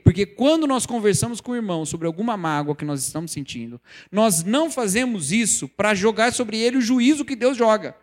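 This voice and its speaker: A man preaching a sermon, lively and conversational, acting out the quoted voices of people he talks about. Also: high-pitched. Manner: animated, acts out quoted voices, mocking examples. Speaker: pastor or preacher.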